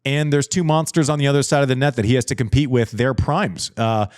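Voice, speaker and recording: A man's voice: mid-range voice, steady tone, a little fast, a little mellow, no room sound, studio quality. A man in his forties co-hosting a casual chat show, emphatic and repeating phrases for stress. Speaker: podcast co-host.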